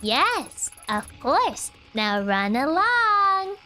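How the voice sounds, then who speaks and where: A woman voicing a creepy calm, unsettlingly serene cultist mother, reading game dialogue aloud with slow menace. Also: high voice, soft background music, exaggerated voice. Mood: soothing menace.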